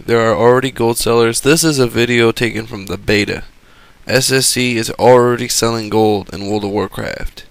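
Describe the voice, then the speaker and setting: A man with a lowish, gravelly voice talks over gameplay footage. His commentary is casual, rambling and sarcastic, and it is peppered with profanity.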